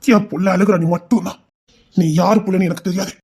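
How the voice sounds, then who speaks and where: A man's voice: high-pitched, fairly even intonation, quick pace, darkish tone, husky. An actor with a Tirunelveli Tamil accent playing a stern, remorseful older father who scolds and then pleads with his daughter. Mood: pleading.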